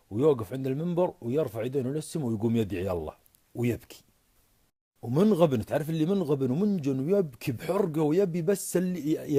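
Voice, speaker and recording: A man spinning a story at breakneck speed. His voice is dark and husky, and the recording is dry and close. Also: medium pitch, no echo. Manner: rapid, animated, conversational. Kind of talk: casual oral storytelling.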